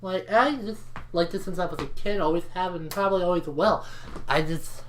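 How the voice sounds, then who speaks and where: A man's voice: high voice, moderate pace, a little hiss or hum. A man co-hosting a casual podcast chat, talking in a laid-back way and laughing easily. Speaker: podcast co-host.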